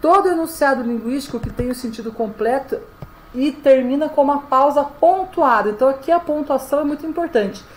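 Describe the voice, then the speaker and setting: A woman's voice: high voice, brisk, a little mellow, a little hiss or hum, rough recording. A woman teaching a grammar lesson, explaining step by step and often checking in with the class. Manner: explanatory, frequent "tá?" check-ins. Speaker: Portuguese teacher.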